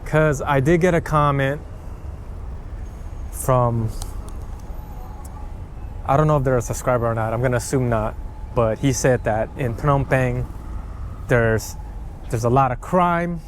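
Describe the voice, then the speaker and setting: A man's voice: mid-range voice, measured pace, pauses often, slight background noise. A man talking casually to camera in a vlog, rambling with many restarts and fillers, recorded outdoors on a camera mic. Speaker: vlogger. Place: outdoors by a mall.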